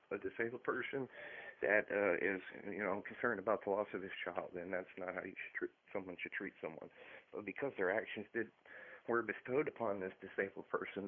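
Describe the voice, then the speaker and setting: A man's voice: deep voice, breathy edge. A man calling a court office, insistent and argumentative, repeating himself over a recorded phone line. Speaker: caller. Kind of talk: heated phone call. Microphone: telephone.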